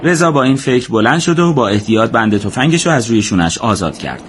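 A man narrating a war story as scripted audiobook narration, in a steady, measured way. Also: medium pitch, slight background noise.

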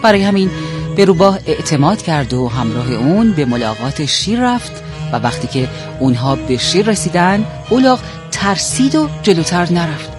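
A man telling a fable in an animated way, addressing his listeners directly. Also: fairly high pitch, over music. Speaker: storyteller.

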